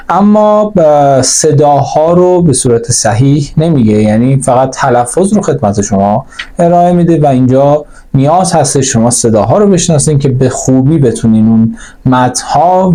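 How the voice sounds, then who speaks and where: A man who speaks Persian natively, teaching a spoken language lesson, explaining each letter and saying it slowly again, with frequent fillers. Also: medium pitch, mellow. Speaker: German teacher.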